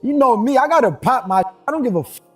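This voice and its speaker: A man tells a long, rambling story in a high voice, checking in with his listener again and again. His talk is loose and streetwise. Faint music plays behind him. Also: expressive, fast talker, husky. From New York. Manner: rambling, streetwise, keeps asking "you heard?". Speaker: storyteller in a played clip. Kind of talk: casual storytelling.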